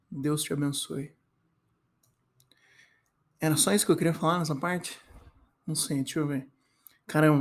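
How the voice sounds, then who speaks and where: A man's voice: sits high, a bit bright. Rambling Brazilian man, mock-solemn musings. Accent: Brazilian Portuguese. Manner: eating fruit while talking. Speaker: podcast host. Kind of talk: solo podcast monologue.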